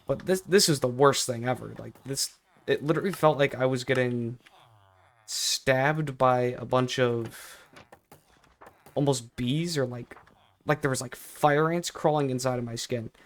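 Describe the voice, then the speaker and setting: A young male video creator tells a personal story in a casual vlog style, speaking a little slowly in a mid-range voice. He rambles and repeats himself, complaining emphatically and with exaggeration.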